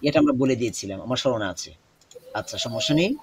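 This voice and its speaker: A young man teaching an online Quran recitation class, patient and repetitive, often pausing with hesitations. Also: medium pitch, animated, a crowd in the background. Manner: patient, repeats instructions, many hesitations.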